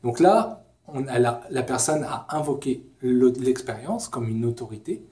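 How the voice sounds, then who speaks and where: A young man in his twenties explaining a theory in a casual lesson, lively and gesturing, with many fillers, filmed in an empty lecture hall. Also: mid-range voice, normal speed. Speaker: educational video host.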